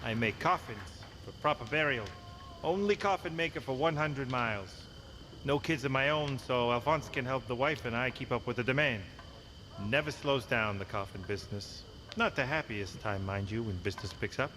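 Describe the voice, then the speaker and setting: Guy doing a dry morbid coffin maker uncle for a game, deadpan, lots of noise behind him. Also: medium pitch, normal speed, long reverb tail, natural voice, poor audio. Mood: dry, plain. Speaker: game character actor.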